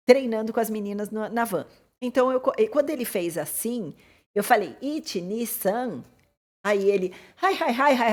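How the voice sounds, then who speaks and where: A Brazilian woman with a Brazilian Portuguese accent tells a personal story in a mid-range voice. She is a life coach, and her delivery is animated and expressive, with her pitch and loudness rising and falling as the story builds.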